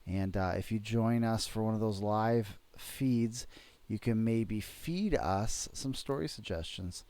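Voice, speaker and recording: A father hosting a casual podcast, gently prompting his child with questions and then signing off with an upbeat reminder to listeners. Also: on the low side, takes it slowly, no room sound.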